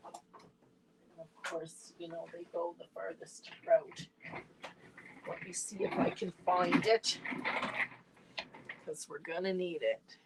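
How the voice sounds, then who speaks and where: Heavy background noise surrounds a woman speaking low, slowly and in a steady tone, with long pauses. She's an independent stamping demonstrator whose voice is going, giving a chatty step-by-step tutorial to viewers while she works with her hands at a craft table.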